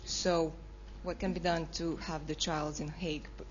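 A woman's voice: sits low, flat delivery, normal speed, highs cut off, a little hiss or hum. A woman from Croatia, a student, asking an earnest, detailed question at a public debate.

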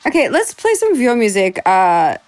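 A woman's voice: a little high, huge pitch swings, moderate pace, darkish tone, slight background noise. A woman hosting a radio show, chatting casually with a guest, bubbly and joking as she goes. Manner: bubbly, laughs often and jokes around.

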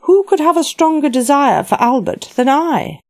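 A woman's voice: high voice, expressive, moderate pace, dry recording, voice pushed up. A woman voicing an imperious elderly widowed queen who speaks formally and with disdain.

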